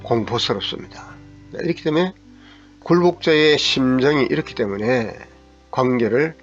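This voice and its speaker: Speaking at a moderate pace with medium pitch and lively energy, a middle-aged man lectures on counseling psychology, walking through ideas step by step. He occasionally raises his voice to act out angry lines; faint guitar music sits behind the slightly dull audio.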